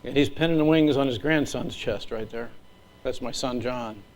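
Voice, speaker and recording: A man's voice: mid-range voice, darkish tone, low-quality recording. Earnest man giving a speech. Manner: earnest, emotional, with measured pauses. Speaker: Air Force leader giving a speech. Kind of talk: slide-presentation speech.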